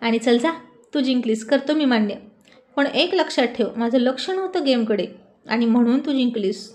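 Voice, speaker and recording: A woman's voice: on the high side, lively intonation, normal speed, darkish tone, close to an everyday voice. A woman voicing a cocky teenage boy who teases and brags. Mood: smug. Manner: smug, mocking.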